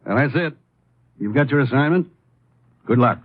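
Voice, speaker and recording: An actor playing an earnest, authoritative government commissioner in 1950s radio style. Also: male voice, medium pitch, expressive, normal speed, dry recording, close to an everyday voice. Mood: grave, urgent. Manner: grave, authoritative. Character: earnest, businesslike male government commissioner, the agent's boss. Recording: thin, phone-like old radio recording.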